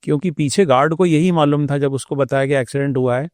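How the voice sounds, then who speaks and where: A man, a doctor, telling his personal story as an interview guest, thoughtful and unhurried, with pauses and hesitations. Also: on the high side, darkish tone, no room sound, studio quality.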